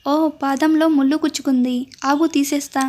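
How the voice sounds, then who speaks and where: A playful young man who teases the queen he protects, read by a woman in her own voice. His lines sit high and come out even and level, with little rise or fall. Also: moderate pace, natural voice. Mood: teasing. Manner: teasing. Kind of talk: storytelling narration.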